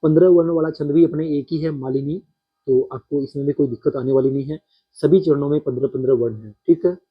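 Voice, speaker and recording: A man teaching a poetry-meter lesson, counting syllables aloud slowly and speaking directly to his students. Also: a little high, fairly even intonation, slightly rough, lo-fi sound.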